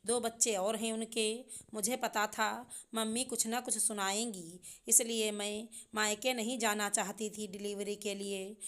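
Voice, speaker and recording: A woman's voice: medium pitch, level tone, unhurried, few pauses, lightly acted. A woman voicing a young daughter-in-law and new mother, speaking in a pleading, tearful complaint. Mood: aggrieved.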